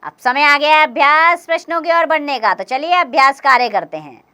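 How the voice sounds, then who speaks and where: A woman teaching a grammar lesson for young children, explaining slowly and clearly, step by step. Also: sits high, expressive, sharp tone.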